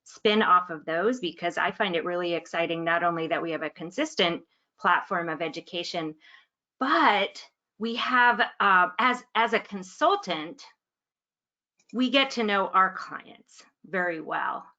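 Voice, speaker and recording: Bright-voiced enthusiastic woman consultant. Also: lowish voice, lively intonation, measured pace, dull audio. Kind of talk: panel discussion.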